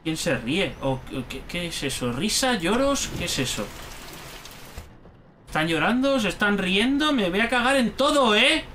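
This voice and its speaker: A man from Spain with a Spanish accent, giving excitable, swear-heavy commentary while playing a horror game. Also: high-pitched, unhurried, a little hiss or hum. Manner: excitable, swears a lot, talks to himself. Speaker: gaming YouTuber. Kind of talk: let's play commentary.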